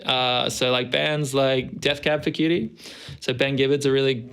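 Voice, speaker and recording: A man's voice: mid-range voice, fairly even intonation, normal speed, vocal fry, a bit bright, smooth. A young man, a musician, chatting casually and rambling with lots of fillers. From Australia. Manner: easygoing, rambling with many fillers. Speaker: performing musician guest. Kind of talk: casual chat.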